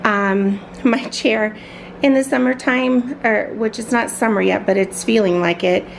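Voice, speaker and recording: A woman's voice: on the high side, steady tone, measured pace, creaky, slight background noise, low-quality recording. A middle-aged woman chatting casually through a tour of her home office, filming on a handheld camera with lots of ums. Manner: chatty, filler-heavy, fond of her things. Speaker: home vlogger.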